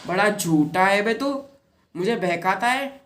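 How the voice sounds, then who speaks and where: A woman's voice: mid-range voice, expressive, unhurried. A boisterous young strongman read by a woman teacher chants and taunts at full voice. He is carefree and cocky, read as part of a class play. The voice stays close to the teacher's everyday one. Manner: loud chanting and laughing. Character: mighty carefree young man, loud and mocking.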